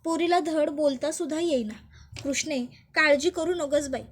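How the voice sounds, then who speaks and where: A woman's voice: high voice, normal speed, close to an everyday voice. A woman voicing a scheming older village mother-in-law in a serial recap, with rustic fussing speech. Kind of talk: reading a character's lines in a serial recap.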